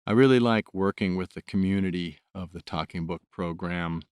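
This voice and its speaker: Low-voiced man, earnest volunteer narrator. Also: moderate pace, a little mellow, clear, resonant tone, dry recording, clean studio sound. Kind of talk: reflective interview talk.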